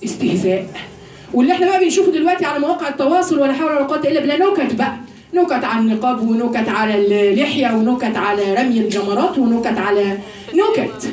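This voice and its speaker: A woman with an Egyptian Arabic accent giving a religious lesson to women, full of rhetorical questions and slowing down to recite verses. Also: high-pitched, expressive, a little mellow, a little hiss or hum. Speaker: religious teacher addressing women. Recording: roomy echo, voice from a distance.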